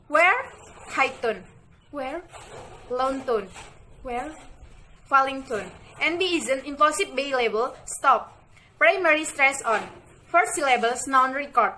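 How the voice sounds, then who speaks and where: Young woman student presenter, high bright voice, reads notes with halting restarts. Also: rough recording. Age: young adult. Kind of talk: reading a class presentation.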